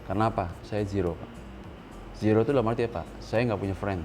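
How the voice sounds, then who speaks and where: Thirties male guest, low voice, earnest and candid, faint music under. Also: fast, darkish tone. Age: 30s. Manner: earnest, mixes English words, stressed rises when quoting others. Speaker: interview guest. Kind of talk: candid interview talk.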